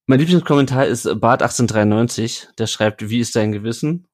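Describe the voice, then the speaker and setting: A man's voice: medium pitch, a little fast. A man hosting a casual football podcast, chatting with his co-hosts and reading listener comments aloud. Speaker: podcast host.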